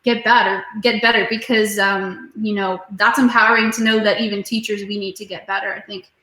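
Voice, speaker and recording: A woman's voice: medium pitch, little pitch movement, fairly quick, sharp tone. A woman in her twenties, a music teacher who runs her own studio, talking earnestly and motivationally in a casual video interview, with frequent fillers. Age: 20s. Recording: roomy echo.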